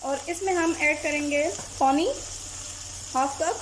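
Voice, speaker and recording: A woman calmly explaining a recipe step by step as a cooking channel host. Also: high-pitched, slow, a little hiss or hum. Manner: calm, plain, methodical. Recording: loud frying sizzle behind voice.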